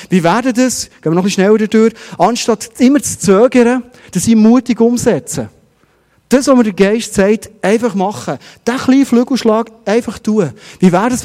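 Swiss German male pastor, middle-aged, mellow sermon tone, long church reverb. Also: high-pitched. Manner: preaching in rhetorical questions.

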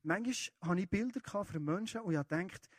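A man with a Swiss German accent preaching a sermon, talking to the congregation in an earnest, conversational way. His voice sits a bit higher than most men's, and the recording is dry and close. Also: brisk, no room sound. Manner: earnest and conversational, addressing listeners directly.

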